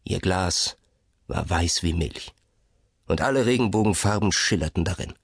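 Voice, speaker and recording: Male audiobook narrator, measured reading, very low voice, husky, dry close mic. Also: dry recording. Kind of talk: scripted narration.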